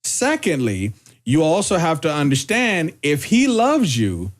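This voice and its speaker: A man with a slightly high voice hosts a casual podcast chat. He talks in a reflective, measured way, choosing his words with care. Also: wildly swooping pitch. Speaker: podcast host.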